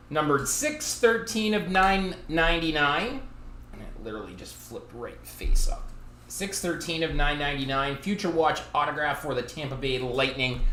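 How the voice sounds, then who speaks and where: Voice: mid-range voice, pushed and bright, a little hiss or hum. A card break host, chatting through a live box break and teasing viewers by name from a card shop. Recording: roomy echo.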